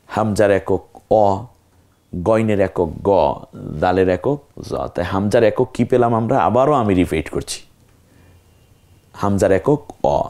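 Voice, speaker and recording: A man teaching Quran letters on a television lesson, slowly repeating sounds for viewers to say after him. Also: on the low side, warm tone. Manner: slow, patient, repeats letters for viewers to echo.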